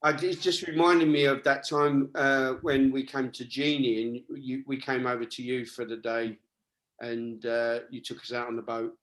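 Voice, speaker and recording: A man's voice: medium pitch, flat delivery, normal speed, a bit bright. A man co-hosting a casual chat show, telling funny stories animatedly and laughing as he goes. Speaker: co-host.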